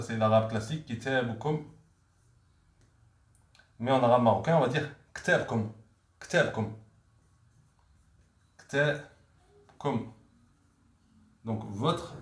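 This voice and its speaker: A man's voice: mid-range voice, a little slow, long pauses. A man teaching a vocabulary lesson, repeating each word several times so learners can follow. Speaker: language teacher. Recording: echoey room.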